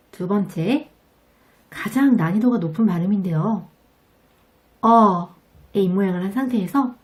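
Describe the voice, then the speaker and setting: A woman with a Korean accent giving a scripted English pronunciation lesson, explaining patiently and clearly. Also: mid-range voice, darkish tone. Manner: clear, patient, demonstrates words slowly.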